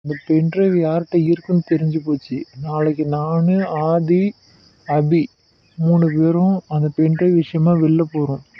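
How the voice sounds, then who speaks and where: Guy doing a caring cartoon husband, fairly high voice, coaxing, kinda lo-fi. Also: little pitch movement, normal speed, no echo, lightly acted. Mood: comforting. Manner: comforting, coaxing, affectionate scolding. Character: young husband Aravind, protective and soothing. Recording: dull lo-fi sound.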